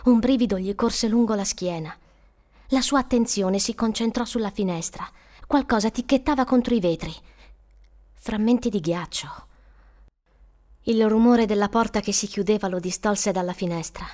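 A woman narrating an audiobook with expressive, suspenseful storytelling. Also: medium pitch, moderate pace. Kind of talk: audiobook reading.

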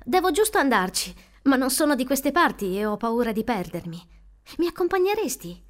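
A woman reading an audiobook, voicing a kind young woman who gently calms a scared child. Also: sits high, normal speed. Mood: soothing. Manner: soothing, gently coaxing. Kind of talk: audiobook character voice.

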